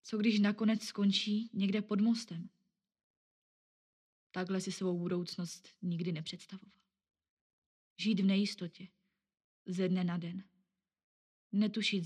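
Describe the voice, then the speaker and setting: A woman narrating a story aloud in a calm, measured, scripted reading. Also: fairly low pitch.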